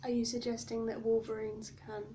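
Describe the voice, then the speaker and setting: A woman's voice: fairly high pitch, completely flat delivery, a little fast, background noise. A woman in casual chat, bluntly questioning and challenging with open scepticism.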